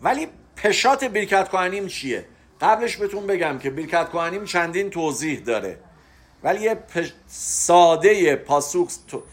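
A man giving a spoken religious lesson, explaining terms step by step with pauses to stress key words. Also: fairly high pitch. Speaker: religious teacher.

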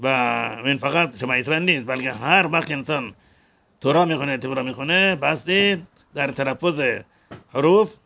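A man teaching the correct pronunciation of a Hebrew prayer, talking haltingly and repeating words to model each sound. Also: medium pitch, bright, forceful tone. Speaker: religious teacher.

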